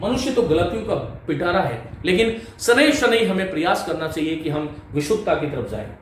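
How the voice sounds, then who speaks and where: A man's voice: sits high, expressive, brisk. A male Sanskrit teacher giving a patient board lecture, repeating key points and addressing viewers as friends. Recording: echoey room from a distance, faint hiss.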